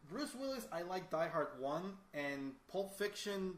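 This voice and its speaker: On a film podcast, a man with a high, sing-song voice chats at a measured pace, laughing often and filling his talk with fillers and restarts. The room sounds open, with faint ambient noise in the background.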